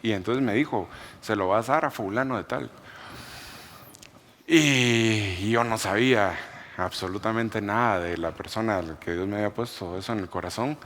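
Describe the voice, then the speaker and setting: A man preaches as a pastor, his voice sitting a little low. He tells his testimony in an animated, storytelling way, slipping into quoted dialogue. A faint ambient noise sits under the recording. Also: moderate pace. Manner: storytelling, animated, laughs while telling. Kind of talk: sermon testimony.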